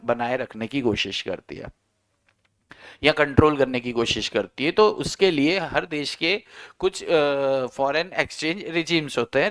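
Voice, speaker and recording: A man's voice: medium pitch, a bit bright. Man teaching economics in a conversational style. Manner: conversational, asks students questions and answers them. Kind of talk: classroom lecture.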